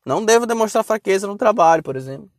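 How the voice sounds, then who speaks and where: A man's voice: high-pitched, animated, fast talker, dry recording, studio quality. A young man speaking in a casual monologue, blunt and profane, rambling and repeating himself.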